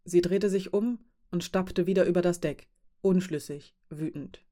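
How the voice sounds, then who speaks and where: A woman narrating a fantasy story as an audiobook reader, in an even, measured way. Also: lowish voice.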